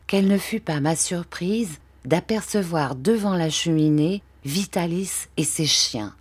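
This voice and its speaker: Slow, low-voiced woman reading a story. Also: breathy edge. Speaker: narrator.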